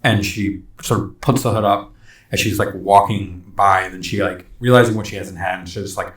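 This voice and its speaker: A very low-voiced man narrates as game master, describing scenes in loose, casual phrases full of fillers. The sound is roomy and echoey, with the speaker set back from the microphone. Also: fairly even intonation, fairly quick, a bit bright. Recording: echoey room, distant from mic.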